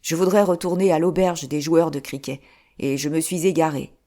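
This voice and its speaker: An overly polite stranger with a French accent, put on by a woman reader. He speaks slowly and hesitantly, in a mellow, low tone. He is an audiobook figure who seems to be hiding something. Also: fairly even intonation, lightly acted.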